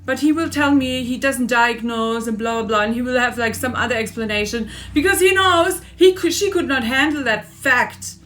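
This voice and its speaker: A woman's voice: on the high side, normal speed, few pauses, a bit bright. A woman in her forties ranting in a personal vlog, agitated and repeating herself for emphasis. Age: 40s. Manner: agitated, venting, repetitive emphasis. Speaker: vlogger. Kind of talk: emotional personal vlog rant.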